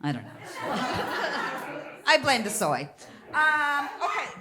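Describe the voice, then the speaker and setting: An older woman doing a bawdy stand-up comedy set on a theater stage, brash with loud squealing outbursts. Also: high voice, very animated, slow pace, crowd noise. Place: theater stage before a live audience.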